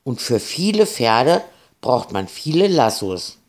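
A man's voice: mid-range voice, big pitch swings, slow pace, heavily acted. A man voicing a playful, scheming young farm woman who coaxes and sulks. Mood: defensive. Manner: wheedling, easily hurt.

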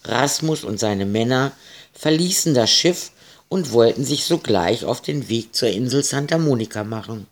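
Slow-paced man telling a children's story. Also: mid-range voice. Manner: slow, addresses young listeners directly.

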